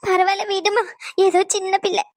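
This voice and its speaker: A woman's voice: very high voice, flat delivery, normal speed, no room sound, clean studio sound, pitched above the performer's own voice. A woman voicing a fussing old grandmother who speaks in a tearful, sing-song wail. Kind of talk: cartoon dub voice acting.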